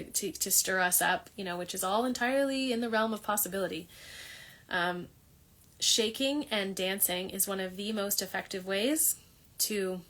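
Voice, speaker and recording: A woman's voice: mid-range voice, a bit bright. A woman hosting a holistic wellness talk, speaking casually and rambling with many restarts as she chats to her viewers. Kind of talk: casual monologue on yoga.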